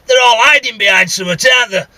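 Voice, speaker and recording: Inside a vehicle, a Northern English man who vlogs about CB radio delivers a blunt, rambling monologue as he drives, grumbling and cursing along the way. He talks fast in a high, bright, forceful voice, and there's no echo.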